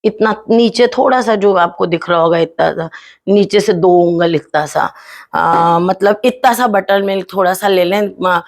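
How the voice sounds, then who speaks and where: A woman's voice: on the low side, measured pace. A woman hosts a home gardening tutorial, talking in a chatty, explanatory way with frequent fillers and tag questions, and into her speech. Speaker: gardening channel host.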